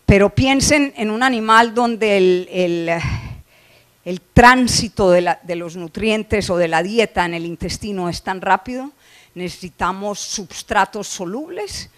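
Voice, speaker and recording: This middle-aged Colombian lecturer sounds animated yet keeps a measured pace, with a medium-pitched voice and a Colombian Spanish accent. In a conference hall she explains poultry nutrition slides, frequently filling with "eh" and starting over.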